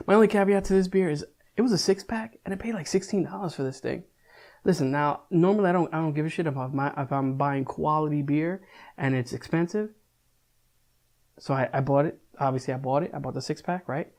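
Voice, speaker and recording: A man's voice: fairly high pitch, a little fast, darkish tone. Chatty young man reviewing beer. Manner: chatty, loose, swears casually, lots of restarts. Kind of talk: casual video review.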